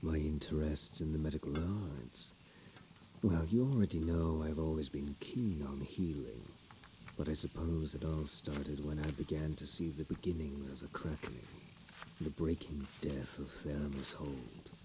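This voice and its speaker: A man plays a courteous, sinister plague doctor for a fantasy audio role-play, speaking low and unhurried in archaic, doting yet menacing words. The tone is steady, the mood grave and brooding, and the background is noisy.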